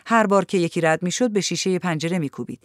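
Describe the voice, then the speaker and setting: Woman calmly narrating a literary audiobook. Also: fairly low pitch, no room sound, clean studio sound.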